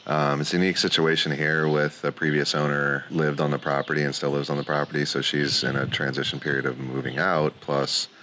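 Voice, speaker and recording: A man's voice: rumbling low, flat delivery, a little fast, hardly any pauses, bright, forceful tone. A man giving casual, hesitant, thoughtful interview answers outdoors as a guest. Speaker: podcast guest, company CEO. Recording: faint outdoor ambient noise.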